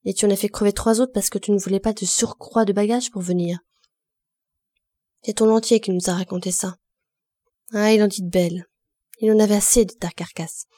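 Woman reading a spiteful laundress, loud and jeering, dark mellow voice, dry sound. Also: mid-range voice, fairly even intonation, dry recording, close to an everyday voice. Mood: mocking. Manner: taunting, loud and quick. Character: sneering young laundress, mocking and spiteful.

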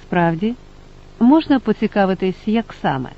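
An inquisitive, talkative father who keeps asking questions in a fairly high voice, as a man plays him. The recording is dull and lo-fi. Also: lively intonation, moderate pace. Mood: curious.

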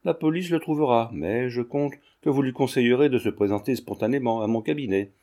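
A man voicing a principled investigating judge who speaks in a formal, measured way, in a storybook reading. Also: mid-range voice, dark tone, natural voice.

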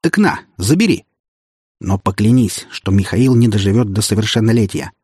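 A male audiobook reader voicing a wounded, furious middle-aged prince who shouts in rage. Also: on the low side, lively intonation, moderate pace, slightly rough, dry recording, clean studio sound. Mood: commanding. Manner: shouting, enraged. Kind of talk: audiobook character voice.

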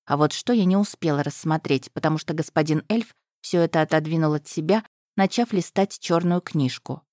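A woman narrating a first-person fantasy audiobook in an even storytelling tone, close to the mic. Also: sits low, a little fast, no room sound. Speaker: audiobook reader.

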